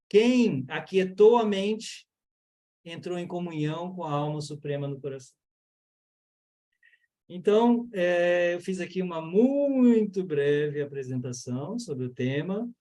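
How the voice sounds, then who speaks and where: A man's voice: on the high side, dark tone. A Brazilian man teaching yoga and mantra in an online lecture, explaining earnestly with many fillers over a video call.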